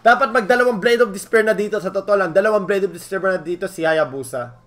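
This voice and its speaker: High bright-voiced Filipino esports caster. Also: male voice, fast talker. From Philippines. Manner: bursts into shouting at big plays, mixes Tagalog and English. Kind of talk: excited play-by-play commentary.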